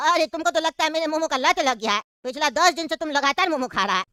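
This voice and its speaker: A woman's voice: high voice, lively intonation, fast talker. A woman voicing a friendly, teasing male street food vendor, in a comedy sketch. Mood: easygoing. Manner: easygoing, teasing. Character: friendly middle-aged male momo seller. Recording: loud background noise.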